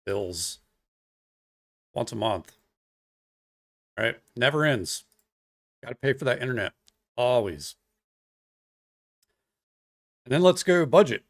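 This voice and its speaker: A man's voice: medium pitch, expressive, unhurried, long pauses. A man streaming live, chatting in an easygoing, rambling way to his viewers while he works on a coding project, with lots of "uh"s and "um"s. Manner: easygoing and rambling, greets chat viewers, many fillers. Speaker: live streamer, software developer. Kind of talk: casual live-stream chat. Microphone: single desk microphone.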